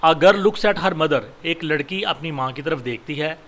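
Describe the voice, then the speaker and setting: A man with a Pakistani accent giving a recorded university lecture, reading English lines slowly and explaining each in Urdu with hesitant fillers. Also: on the high side, a bit bright.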